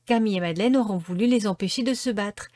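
A woman doing a calm, wry mother. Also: medium pitch, fast, dry recording, studio quality, close to an everyday voice. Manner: gently wry.

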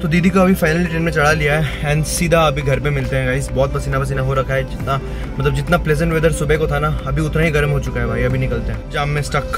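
With music in the background, this young adult Indian-accented vlogger talks casually into a phone held out at arm's length, slipping English words into his speech. His voice is a little high, his intonation fairly even and his pace fast, and he's on the move through car, garage, home and gym.

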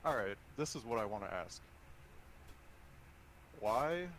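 A young man streaming on a headset, talking in a halting, measured way through a tense conversation. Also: lowish voice, animated, a bit bright. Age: young adult. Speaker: livestreamer. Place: small plain indoor room. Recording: faint background noise.

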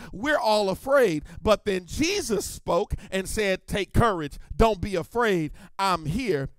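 A man preaches a sermon with a notably high voice. He draws key phrases out into a half-sung cadence. The sound is dry and close, with little room echo. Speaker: pastor.

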